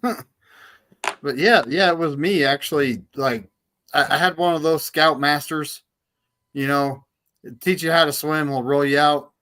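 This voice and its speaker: A man's voice: on the high side, measured pace, pauses often, bright, forceful tone. A man in casual chat, telling anecdotes in an easygoing way. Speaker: podcast panelist.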